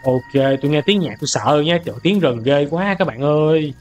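A young man doing let's-play commentary on a horror game, easily startled into loud outbursts and translating the game's English lines aloud as he goes. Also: fairly high pitch, lively intonation, normal speed, soft background music. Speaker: gaming streamer.

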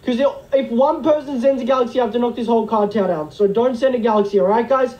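A man's voice: very high voice, fast, a little mellow, lo-fi sound. A young man doing a comedic livestream skit, frantic and pleading, repeating himself over and over. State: nervous, shaky hands.

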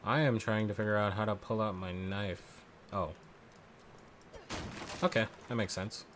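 A man's voice: fairly low pitch, fairly even intonation, unhurried, noisy background. A man casually commenting on his game playthrough, offhand and joking, muttering to himself. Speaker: gamer.

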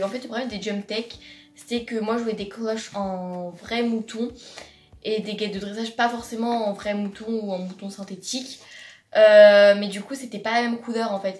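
A woman's voice: mid-range voice, a little mellow, far from the mic. A teenage girl from France chatting in a casual haul vlog in her bedroom, gushing and filling her talk with fillers and restarts. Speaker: vlogger. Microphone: camera across the room. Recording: roomy bedroom sound from off-mic.

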